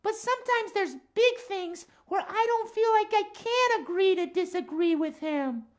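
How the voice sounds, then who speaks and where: Pushing his voice up to a very high pitch, a man plays an earnest, principled female cat puppet on a children's show. His speech is halting and repetitive.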